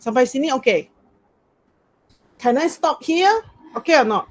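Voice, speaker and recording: A woman's voice: high-pitched, expressive, moderate pace, no echo. A woman with a Malaysian accent teaching an informal online class as a lecturer, speaking colloquial Malaysian English mixed with Malay words and particles like lah. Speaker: university lecturer. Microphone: computer video-call mic.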